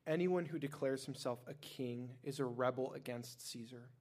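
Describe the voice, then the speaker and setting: An angry crowd of leaders, read by a man in a scripture reading, with emphatic, raised lines. The mid-pitched voice pushes hard but stays one reader. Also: moderate pace, a little mellow, natural voice.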